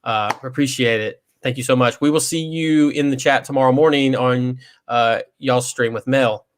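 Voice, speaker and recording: A man in his thirties hosting a casual livestream trivia chat, relaxed and rambling with many fillers, on a video call mic. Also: mid-range voice, normal speed, slight background noise. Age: 30s.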